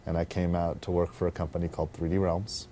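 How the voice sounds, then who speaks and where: A man, a game developer, reflecting on his career in a measured interview. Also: sits low, little pitch movement, warm tone, slight background noise. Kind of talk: interview recollection.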